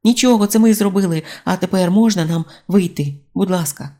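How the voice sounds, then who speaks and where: A reader voicing cornered male robbers in an audiobook, whining and pleading in raised, loud voices. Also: medium pitch, fairly quick, natural voice.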